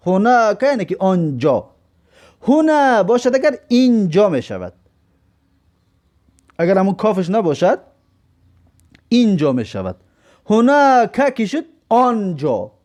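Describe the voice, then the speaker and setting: A male teacher delivering a recorded Arabic grammar lesson, his voice pitched high. His intonation rises and falls a great deal as he lingers slowly over each example sentence. He then moves quickly into the explanation. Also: darkish tone. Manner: slow, drawn-out reading of example sentences, then brisk explanation.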